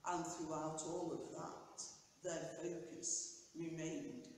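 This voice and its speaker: Older woman priest, slow careful talk, church echo from a distance. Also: low-pitched, flat delivery, a little mellow, a little hiss or hum. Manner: measured, careful delivery. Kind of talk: reflection and prayers. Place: small church, seated in a pew. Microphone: camera at a distance. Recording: echoey church from far off.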